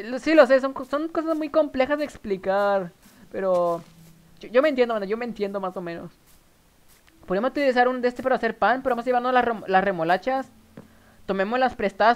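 A man's voice: very high-pitched, clear, resonant tone. A young man with a northern Mexican accent, chatting casually to viewers while streaming a game, rambling with nervous giggles. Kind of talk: casual live game commentary.

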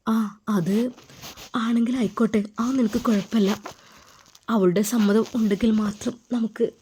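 A woman voicing a gentle, worried husband who speaks softly and a little lower. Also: fairly even intonation, a little slow, slight background noise, close to an everyday voice. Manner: soft, lowered, concerned.

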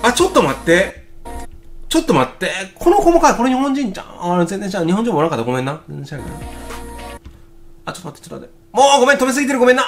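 A man with a Kansai accent hosts a casual reaction video, his voice leaping all over the place as he thinks out loud and bursts into exclamations. A music video plays faintly behind him. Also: high-pitched, very fast. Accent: Kansai Japanese. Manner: excitable, thinking aloud with frequent exclamations. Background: faint music video playing.

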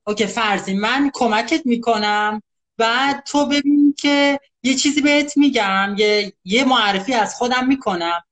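A man's voice: very high-pitched, fairly even intonation, fairly bright tone. A male host of a live chat, teasing his guest in a mock-polite way.

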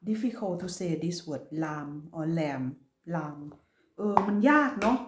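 A middle-aged woman from Thailand chats slowly and casually as she cooks, drifting between Thai and halting English. She is recorded in a roomy, echoey home kitchen with clear background noise behind her. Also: medium pitch, lively intonation. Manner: chatty, mixes halting English with Thai, stumbles over English words. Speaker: cooking vlogger. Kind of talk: casual cooking vlog chat.

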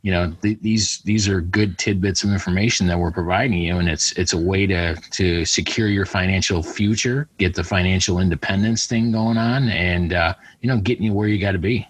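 A man's voice: deep voice, fairly even intonation, brisk, few pauses, slightly rough, no room sound. A man chatting casually as a podcast co-host in a folksy, informal, agreeable way.

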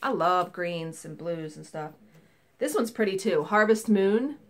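Speaking a little slowly in a lowish voice, a woman in her thirties walks through her cross-stitch haul on webcam from a small craft room at home. The show-and-tell is casual, enthusiastic, and sprinkled with rambling side comments.

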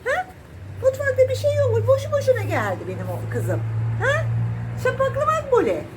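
Very high-pitched woman scolding cats playfully. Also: huge pitch swings, fairly quick, echoey room, background noise. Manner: playful scolding, teasing questions. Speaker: cat vlogger. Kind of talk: baby talk to pet cats. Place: home, indoors.

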